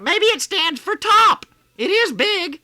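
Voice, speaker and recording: A woman's voice: very high-pitched, sing-song, slow, bright, forceful tone, dry recording, exaggerated voice. A woman voicing an eager, curious young boy in a children's radio play who keeps asking questions. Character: excitable young boy nephew, endlessly curious.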